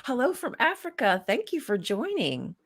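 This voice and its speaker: A woman's voice: fairly high pitch, huge pitch swings, moderate pace, slightly rough. A female podcast co-host in casual chat, chatty and encouraging.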